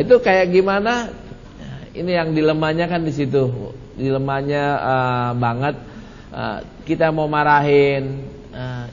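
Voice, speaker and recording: Male religious teacher, casual joking delivery, higher voice, muffled echoey hall recording. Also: slight background noise. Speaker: Islamic study teacher. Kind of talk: religious study talk answering questions.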